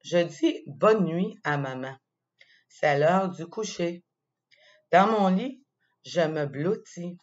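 A woman with a Quebec French accent tells a playful children's story at an unhurried pace. Her voice sits on the lower side and stays expressive. The sound is dull and lo-fi. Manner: playful, slow and expressive, with little laughs.

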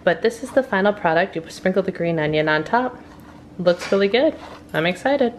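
In her home kitchen, a cooking vlogger chats her way through a relaxed cook-along, cheerful and quick to laugh when she slips up. Her mid-pitched voice is expressive and moves at a normal speed. The audio is poor, with slight background noise, recorded by a camera above the counter that shows her hands.

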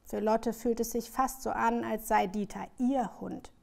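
A woman author reading her children's book aloud in a lively, expressive storyteller's manner. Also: fairly high pitch, unhurried, creaky.

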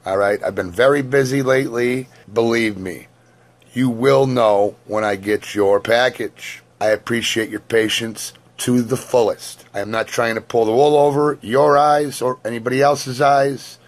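A hoarse man hosts his own lottery scratch-off show from home. He talks like a crude, wisecracking showman, wordy and full of off-color jokes, his voice sitting at an ordinary middle pitch. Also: steady tone, a little slow. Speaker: host. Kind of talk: lottery ticket vlog chat.

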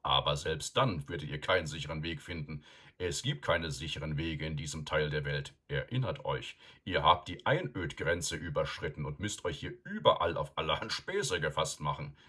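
A man voicing an old male wizard who lectures loudly and sternly, with a deep, husky voice. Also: animated, normal speed, full character voice. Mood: stern, lecturing. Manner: loud, admonishing, emphatic.

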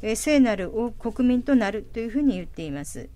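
A woman giving a live interpretation of a sermon. She speaks haltingly, with frequent fillers and self-corrections. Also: on the high side, very animated, mellow. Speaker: simultaneous interpreter.

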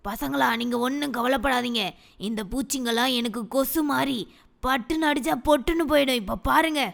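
A woman voicing a boastful male rescuer uncle who brags and lectures children, with a gravelly voice. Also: high-pitched, a bit bright. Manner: swaggering, bossy.

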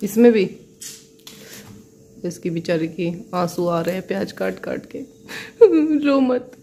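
A woman's voice: fairly low pitch, very animated, takes it slowly, mellow. A woman vlogging casually from her home kitchen, a chatty mother who laughs often and coos playfully at her kids. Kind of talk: casual home vlog chat.

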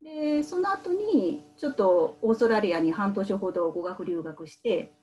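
A woman in her thirties who works as a medical translator, answering interview questions in a soft, hesitant way with many fillers. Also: mid-range voice, animated, moderate pace, a little hiss or hum, poor audio.

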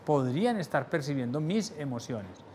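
A man teaching a live sales seminar. He asks the audience rhetorical questions and drops his voice low to stress key points. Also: moderate pace, a little hiss or hum. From Latin America. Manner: animated, shifts volume for emphasis, drops voice low on key points. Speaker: sales trainer.

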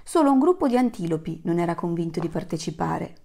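A woman reads a storybook aloud to children with a lively, swooping voice. Her tone has a gravelly edge, and she tells the tale in an animated, dramatic way. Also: fairly low pitch, quick pace. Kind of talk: expressive read-aloud.

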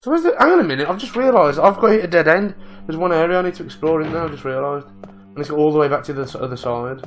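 A man commenting on his own gameplay, muttering to himself, swearing and getting excitable. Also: fairly high pitch, quick pace. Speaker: let's play gamer.

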